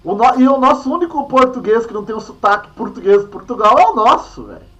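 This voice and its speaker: A man's voice: very high voice, animated, fast, sharp tone, a little hiss or hum. A Brazilian man teaching an online history class, chatty and playful, with a Minas Gerais accent.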